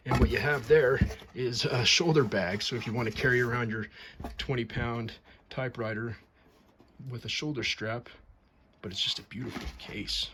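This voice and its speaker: A man's voice: mid-range voice, fairly bright tone, slight background noise. A man casually showing off and explaining a typewriter, rambling and repeating words with enthusiasm. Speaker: typewriter restorer. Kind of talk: casual show-and-tell.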